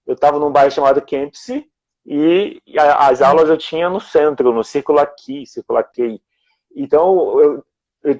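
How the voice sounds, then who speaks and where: A man from Brazil talks as a guest in an easygoing chat, laying out his points one step at a time. His voice sits a bit high for a man yet sounds mellow and soft-edged. The recording is dull and lo-fi. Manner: reflective, explains step by step. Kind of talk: casual conversation.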